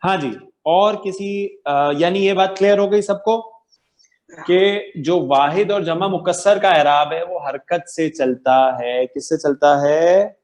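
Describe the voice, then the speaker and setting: A man's voice: sits high, darkish tone. A man teaching an online Arabic grammar class, quizzing students patiently and affirming their answers. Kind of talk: interactive online class lecture.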